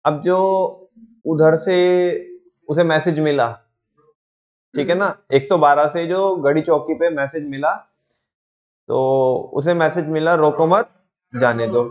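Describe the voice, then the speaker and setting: A young man gives a lively classroom lecture, telling stories, acting out quotes and quizzing his students as he explains. His voice is a little high with fairly even intonation, and he speaks at a slow pace with long pauses, in lo-fi sound.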